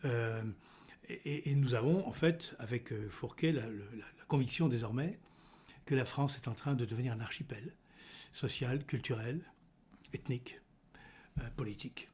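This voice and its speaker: Speaking at a normal speed in a mid-range, darkish voice with a breathy edge, this older man hosts an interview. He is a podcast host and politician, posing lengthy formal questions with hesitant fillers. The recording comes from a desk studio mic in an indoor office.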